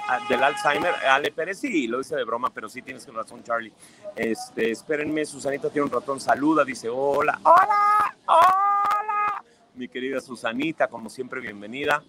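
Mexican male streamer, mid-pitch, warm banter with his chat, teasing, affectionate. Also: poor audio. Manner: chatty and affectionate, playful teasing. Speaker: livestream host. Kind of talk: casual live chat, reading viewer comments aloud.

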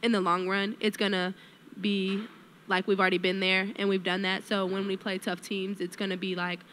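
Young woman college player, postgame presser; bright tone, soft, hesitant fillers, faint room noise. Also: medium pitch, flat delivery, normal speed. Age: young adult. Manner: soft-spoken, many fillers. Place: press room with sponsor backdrop. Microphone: table mic on a stand.

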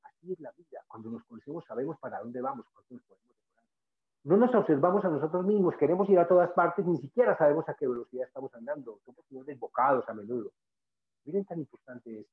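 A man guest speaker giving a spiritual motivational talk, earnest and emphatic, repeating phrases to drive points home. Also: fairly high pitch. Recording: tinny phone-like sound.

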